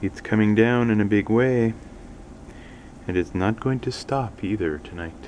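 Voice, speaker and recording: A man, a father filming a family home vlog in the kitchen, talking in a dry, deadpan, teasing way. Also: lowish voice, measured pace. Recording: noisy home camera audio.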